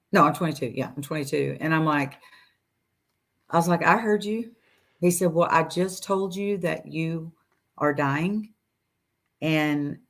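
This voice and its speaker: A woman in her forties tells her story as a guest over a video call from a room at home. She talks in a casual, animated way, acting out her doctors' lines and laughing between phrases. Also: deep voice, vocal fry. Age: 40s.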